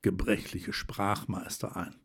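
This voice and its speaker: A man reading aloud as a calm, reflective old gentleman, speaking in a measured, thoughtful way. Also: deep voice, gravelly, breathy edge, full character voice. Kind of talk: audiobook character voice.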